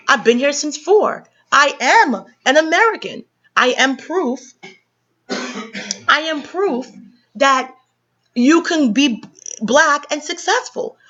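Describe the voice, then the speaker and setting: A woman's voice: sits high, a bit bright. A woman from the Caribbean giving heated opinion commentary in a vlog, lecturing her viewers with many fillers and restarts. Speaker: commentary vlogger. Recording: dull lo-fi sound.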